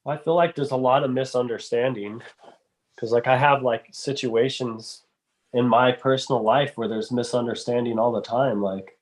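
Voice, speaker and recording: A man talks casually on a podcast, his pitch sitting right in the middle. He rambles, backtracks and restarts his sentences, reaching for the next word as he goes. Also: fairly even intonation, normal speed. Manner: rambling, many restarts and fillers. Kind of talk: casual chat.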